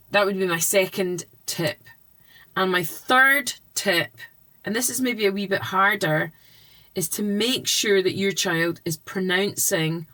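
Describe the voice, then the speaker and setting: A woman with a fairly low voice, talking as a reading tutor. She explains her tips patiently and without rushing, in the plain manner of an instructional vlog. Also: a bit bright.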